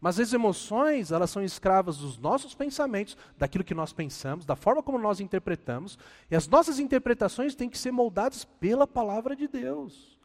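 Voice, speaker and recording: A Brazilian pastor preaches in a lively, swinging voice that sits fairly high for a man. His delivery is animated and sprinkled with self-deprecating humor. The sound carries a long hall reverb. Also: brisk, few pauses. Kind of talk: sermon.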